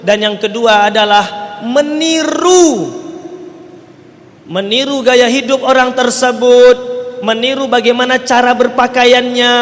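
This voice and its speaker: A man's voice: very high voice, level tone, moderate pace, a bit bright. A man with a Riau Malay-tinged Indonesian accent preaching a sermon to a congregation, asking them rhetorical questions as he goes. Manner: rhetorical, checks in with the audience often. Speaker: Islamic preacher. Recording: long reverb of a large hall.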